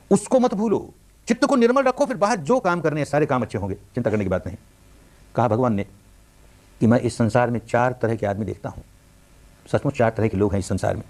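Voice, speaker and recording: A man's voice: mid-range voice, a little mellow. An older man teaching meditation in a spiritual discourse, telling stories with strong rising and falling emphasis.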